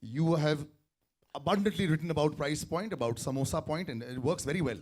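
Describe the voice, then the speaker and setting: A man's voice: fairly high pitch, brisk, a little mellow, breathy edge. A man with an Indian English accent hosting a press event, mixing Hindi and English as he sets up questions. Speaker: event host.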